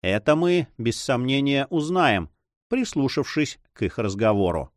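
Male narrator, scripted storytelling, animated intonation, dry recording. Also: medium pitch, measured pace, dry recording. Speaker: audiobook narrator.

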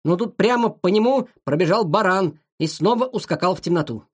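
A narrator reading a children's adventure story aloud with an expressive, animated delivery. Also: mid-range voice, a little fast, husky.

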